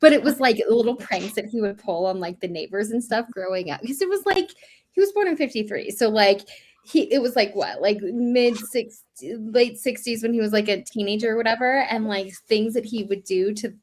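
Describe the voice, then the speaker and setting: A woman's voice: a little high, normal speed, a little mellow. A woman in her thirties, hosting a casual chat and telling family stories, full of "like" fillers. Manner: chatty storyteller, many "like" fillers. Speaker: host.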